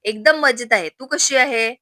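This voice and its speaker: A woman's voice: fairly high pitch, a little slow, sharp tone, dry recording, clean studio sound. A woman voicing a busy, caring young husband who talks in an easygoing, affectionate way.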